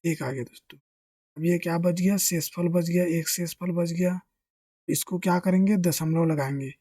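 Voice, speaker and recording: A maths teacher explains a lesson step by step in a mellow, warm voice. Questions are posed and answered in the same breath, with constant friendly address to the viewers. The sound is close and dry, with no room echo. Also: medium pitch, fairly even intonation, normal speed, breathy edge. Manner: asks questions and answers them himself; keeps addressing listeners as friends.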